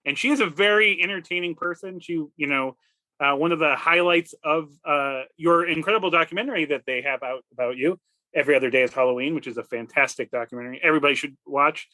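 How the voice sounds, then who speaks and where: A man co-hosting a casual podcast, talking eagerly and quickly and stumbling over his words. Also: on the high side, bright, forceful tone, no room sound, rough recording. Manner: enthusiastic, fast, stumbling. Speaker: podcast co-host.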